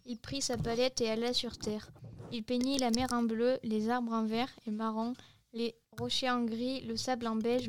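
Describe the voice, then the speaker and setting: Woman reading flatly with faint hiss. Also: a little high. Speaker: narrator. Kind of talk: read-aloud storybook narration.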